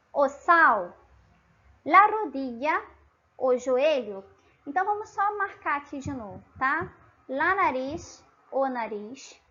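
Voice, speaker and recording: A woman's voice: high-pitched, fairly bright tone, lo-fi sound. A woman with a Brazilian Portuguese accent giving an online language lesson, patient and explanatory, often checking in with the listener. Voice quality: patient, repeats and checks with frequent tag questions. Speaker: language teacher.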